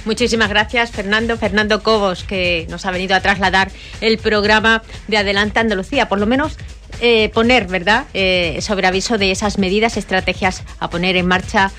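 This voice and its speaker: A woman hosting a radio interview, asking polite, measured questions. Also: medium pitch, steady tone, a bit bright, faint music behind. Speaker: radio host.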